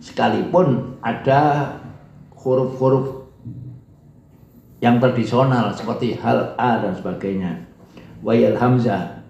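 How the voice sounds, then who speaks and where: A man's voice: mid-range voice, fairly even intonation, slow pace, gravelly, long pauses, darkish tone. An Indonesian man teaching an Arabic class, reading Arabic text aloud and explaining it line by line. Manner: acts out example sentences with rising and falling intonation. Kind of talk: classroom lesson. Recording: echoey room, dull lo-fi sound.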